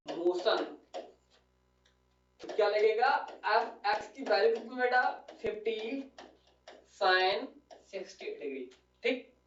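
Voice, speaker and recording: A man's voice: sits high, slight background noise. A man teaches physics at a board, talking his students through each step and checking they follow. He sounds set back from the microphone in an echoey room, and the recording is dull and lo-fi. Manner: coaxing, calls students "beta" and keeps asking "clear?". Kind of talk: classroom lecture. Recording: echoey room, distant lo-fi mic.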